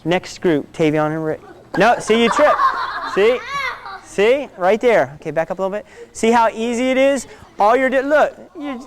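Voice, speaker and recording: A man's voice: sits high, moderate pace, a little hiss or hum. A man teaching a self-defense class, giving direct instructions and often checking in with "okay?".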